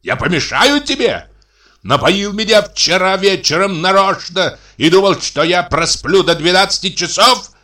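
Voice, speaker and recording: Male reader as a shrill, insulting ex-captain; loud, piercing tenor, bright tone. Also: expressive, measured pace, heavily acted. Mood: furious. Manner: yelling insults, mocking. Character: shrill quarrelsome retired naval captain, man.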